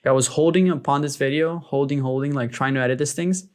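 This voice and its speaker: A man's voice: mid-range voice, fast, a little mellow, clear, resonant tone. A man from Brazil, a game developer casually telling his story in an interview, rambling and full of fillers.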